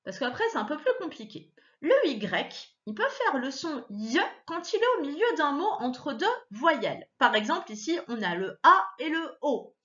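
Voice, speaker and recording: A woman teacher giving a child a reading lesson, patiently sounding out syllables and repeating words, her pitch jumping up when she stresses a point. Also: sing-song, moderate pace, few pauses, bright, forceful tone, muffled recording. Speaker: primary school teacher.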